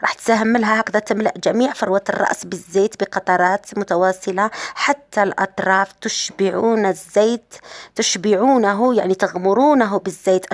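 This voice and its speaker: A woman's voice: medium pitch, no echo, studio quality. A woman from Algeria with an Algerian Arabic accent, hosting a casual at-home hair care tutorial and explaining each step, often repeating and rephrasing her points. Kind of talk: casual how-to demonstration.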